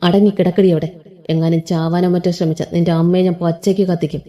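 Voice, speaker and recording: Woman reading the part of a harsh mocking young husband in a storybook, flat and low, dark mellow tone. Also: fast, natural voice. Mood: threatening. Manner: harsh, taunting, threatening. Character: cruel domineering young husband, man in his twenties.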